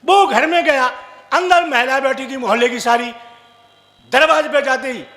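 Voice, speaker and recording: A man's voice: extremely high pitch, normal speed, pushed and bright. A man, a comic poet, telling jokes on stage and acting out drunks and stammerers. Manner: acts out drunk and stammering characters. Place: stage in a large hall with audience. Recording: echoey hall from far off.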